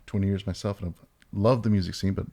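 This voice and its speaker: A male host with a gravelly, husky voice and a dark, mellow tone. He talks appreciatively in casual conversation, with faint music underneath. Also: deep voice, fairly even intonation, fast. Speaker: podcast host.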